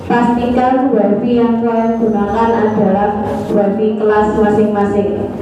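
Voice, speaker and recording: A woman making a formal school announcement over the intercom loudspeaker, speaking in a measured, instructive way. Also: mid-range voice, little pitch movement, background noise. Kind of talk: formal public-address announcement. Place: classroom, heard over the school PA. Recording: tinny echoey loudspeaker heard from far off.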